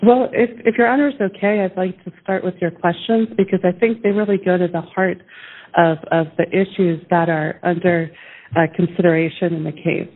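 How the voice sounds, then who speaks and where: A woman's voice: lowish voice, steady tone, fairly quick. A woman speaking as a plaintiff's attorney, making a conversational legal argument in court. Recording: thin phone-like courtroom audio.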